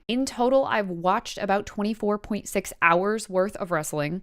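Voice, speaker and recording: A woman with a clean, medium-pitched voice, a video creator and wrestling reaction host, gives a chatty recap straight to camera. The scripted vlog is casual and enthusiastic, full of emphatic asides.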